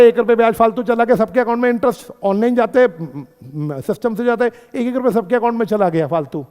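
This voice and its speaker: A man with a high, smooth, resonant voice teaching a class. He keeps asking his students questions and repeats the key terms slowly so they can write them down. The sound has a long, hall-like reverb. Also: mellow. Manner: addresses students as beta and friends. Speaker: accountancy teacher. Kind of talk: classroom lecture.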